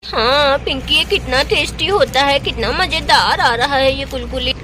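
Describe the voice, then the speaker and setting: An eager, bossy little village girl chatters excitedly in a very high voice, as a woman puts her on. She talks in a chirpy, animated way in a home-made doll story, with a faint hiss behind her. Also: moderate pace, natural voice.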